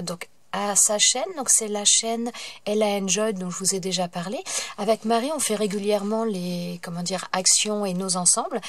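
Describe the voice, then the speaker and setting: A woman who hosts a craft channel, with a stuffy nose from a cold, chatting casually as she opens her mail and breaks into delighted exclamations. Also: medium pitch. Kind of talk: casual mail-opening vlog.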